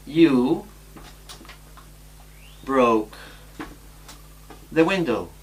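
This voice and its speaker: In this recorded grammar lesson, a man with a medium-pitched voice and lively intonation works slowly through the rules, spelling out letters and examples. Slight background noise can be heard.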